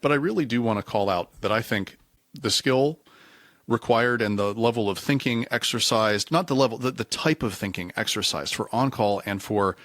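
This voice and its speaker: Alçak sesli bir adam, podcast konuğu, dağınık ve kendini düzelterek konuşuyor; kayıt kuru ve yankısız. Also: male voice, lowish voice, normal speed, fairly bright tone, no echo, clean studio sound. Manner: discursive, self-correcting, slips into acted quotes. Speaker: podcast guest, reliability engineer. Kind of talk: casual conversational interview.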